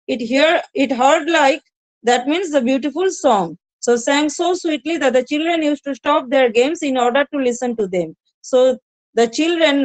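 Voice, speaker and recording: A woman's voice: high voice, no echo, rough recording. A woman teacher with an Indian English accent, explaining a story line by line to her students and repeating each point. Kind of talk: online class explaining a story.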